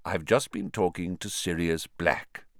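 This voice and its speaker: Dumbledore, a man voicing a calm old headmaster. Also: sits low, no room sound, clean studio sound, voice pushed down. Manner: calm, quiet, measured. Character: wise calm elderly male headmaster.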